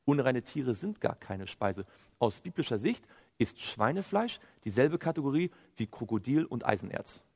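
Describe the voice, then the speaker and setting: At a moderate pace, a preacher with a mid-range, slightly rough voice and some vocal fry delivers an animated sermon. Scripture quotes and self-answered rhetorical questions fill his message, heard through a long hall reverb.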